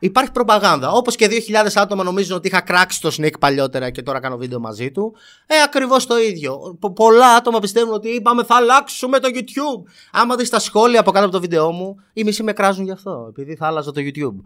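A man's voice: sits high, fairly bright tone. A young man, a YouTuber, defending himself in a heated casual debate, emphatic and repeating his points.

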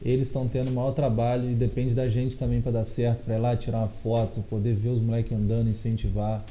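A man's voice: mid-range voice, level tone, fast, warm tone, slight background noise. A man in his forties with a Rio de Janeiro state Brazilian Portuguese accent, hosting a casual, encouraging, slangy chat. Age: 40s. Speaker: host.

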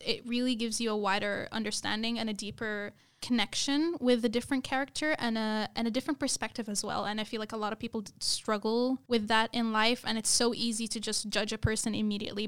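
A young adult woman with a fairly high, clear, smooth voice that's a bit bright speaks as an interview guest. She's earnest and effusive, talking conversationally and doubling words for emphasis.

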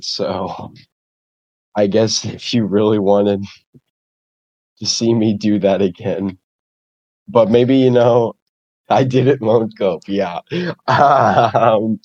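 A man with a low-set voice chats in a rambling, self-deprecating way, laughing at himself as he goes. His poor microphone sounds dull and dry, with no room around it. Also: a little mellow, dry recording. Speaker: podcast guest streamer. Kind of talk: casual podcast chat.

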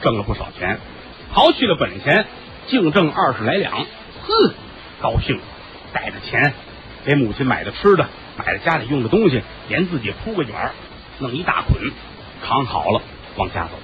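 A man's voice: mid-range voice, wildly swooping pitch, moderate pace. A man telling a traditional comic story, with chatty asides to the audience. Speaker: crosstalk storyteller. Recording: dull lo-fi recording with faint hiss.

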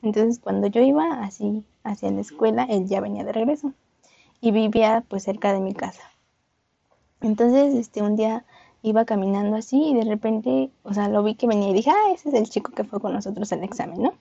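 A woman's voice: medium pitch, a little fast, vocal fry, warm tone, slightly rough, lo-fi sound. A young woman co-hosting a podcast, telling a personal story in casual chat, laughing often and acting out voices. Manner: laughs often, acts out voices in her anecdotes. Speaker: podcast co-host.

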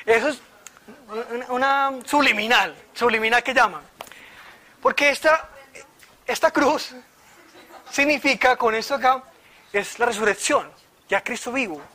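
A man's voice: extremely high pitch, normal speed, long pauses. A man giving an informal sermon in a meeting room, telling his own faith story and acting out voices. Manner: animated storyteller who acts out voices. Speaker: church teacher leading a retreat session. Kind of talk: informal sermon with personal stories. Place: indoor meeting room with slides.

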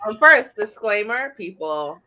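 A woman's voice: medium pitch, sing-song, measured pace, sharp tone. A woman co-hosting a podcast with a slight lisp, chatting animatedly and retelling scenes. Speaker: podcast co-host. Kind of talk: casual chat.

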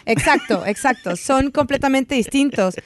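Woman, interview host, slightly high voice, chatty, dry close sound. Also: animated, normal speed, no echo. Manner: chatty, affirming, laughs along. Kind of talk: casual interview.

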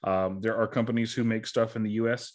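A man with a fairly low voice hosts a casual podcast, rambling through answers with plenty of ums and uhs. He sounds worn out after a long day. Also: steady tone, fairly quick. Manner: rambling, filler-heavy, tired and yawning. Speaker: podcast host.

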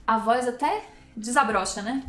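A Brazilian woman co-hosting a podcast, telling her story in a lively, chatty way full of fillers. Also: on the high side, normal speed. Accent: Brazilian Portuguese. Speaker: podcast co-host. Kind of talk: podcast conversation. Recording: roomy echo, faint music behind.

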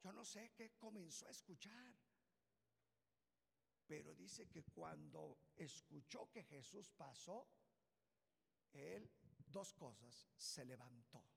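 Preacher guy, high gravelly voice, yells then gets quiet, acts out the characters, long echo like a big church hall. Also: lively intonation, takes it slowly, pauses often. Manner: impassioned, swings from shouting to low intimate asides; acts out the people in the story with put-on voices. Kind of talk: sermon.

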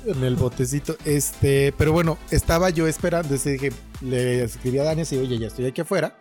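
A man's voice: mid-range voice, brisk, darkish tone, soft background music. A man in his thirties with a Mexican accent, co-hosting a casual podcast and telling a personal story, acting out the quoted dialogue. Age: 30s. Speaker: podcast co-host.

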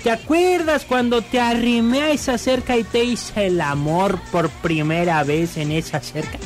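A man voicing a fond old man in a radio joke, drawling slowly. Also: very high-pitched, soft background music. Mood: tender.

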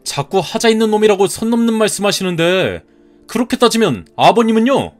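Over soft background music, a man in his thirties gives a high-pitched, sing-song, brisk performance as a cartoon groom-to-be. Polite yet stubborn, the character answers back in a defiant mood.

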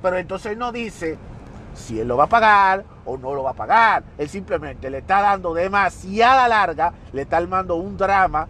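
A man's voice: high voice, lively intonation, normal speed, fairly bright tone, slight background noise. A man hosting a podcast, telling a story emphatically and critically, often repeating his phrases. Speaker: podcast host. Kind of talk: storytelling monologue.

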